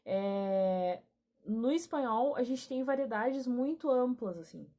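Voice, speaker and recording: A woman's voice: on the high side, expressive, slow pace, dark tone. A woman with a Gaúcho Brazilian accent from southern Brazil, teaching a casual lesson and often tagging her sentences with a questioning aside. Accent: Gaúcho Brazilian Portuguese. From Rio Grande do Sul, southern Brazil. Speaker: language teacher.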